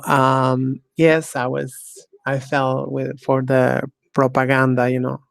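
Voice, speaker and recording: A woman hosts her own talk show alone, rambling and scornful. Her voice is gravelly and flat, moving at an unhurried pace. The recording is dry and close. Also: rumbling low, no echo. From Mexico. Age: 50s. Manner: rambling, heavy use of "you know" and "like"; scornful, ranting. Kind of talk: casual solo monologue.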